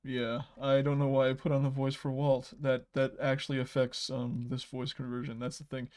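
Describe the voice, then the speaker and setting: A man hosting a casual livestream, rambling while he edits and often trailing off into soft mutters. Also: mid-range voice, level tone, normal speed. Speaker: livestream host.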